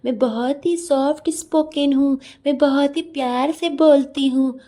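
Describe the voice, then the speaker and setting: A woman imitating a grown woman vlogger who puts on a sugary, drawn-out, mock-gentle voice. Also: sits high, steady tone, pitched above the performer's own voice. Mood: mock-sweet.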